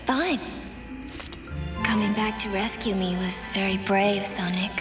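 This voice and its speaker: An actress playing a young princess heroine in a cartoon, hesitant and halting. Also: female voice, mid-range voice, steady tone, natural voice. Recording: cartoon soundtrack with music behind.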